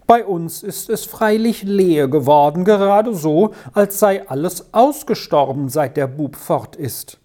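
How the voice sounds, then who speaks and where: A woman's voice: lowish voice, expressive, measured pace, hardly any pauses. A woman voicing a kind, talkative farm wife and mother in a storybook reading. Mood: kindly. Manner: warm-hearted, chatty.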